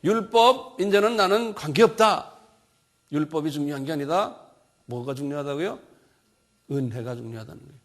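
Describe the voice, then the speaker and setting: A man's voice: fairly high pitch, lively intonation, normal speed, long pauses. Man giving a chatty bible lecture. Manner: colloquial and conversational, keeps checking in with listeners.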